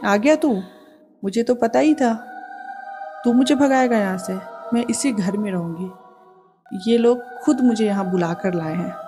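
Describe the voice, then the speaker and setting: A woman's voice: mid-range voice, unhurried, natural voice. A woman voicing a possessed young wife whose spirit taunts and threatens the family and a priest. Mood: menacing taunt. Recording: music playing behind the voice.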